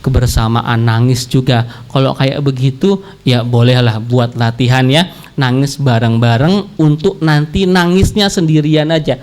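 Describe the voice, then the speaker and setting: A man preaching a sermon in a playful, joking storytelling manner, swinging his pitch widely and trading call-and-response with his audience. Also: steady tone, measured pace, a little mellow.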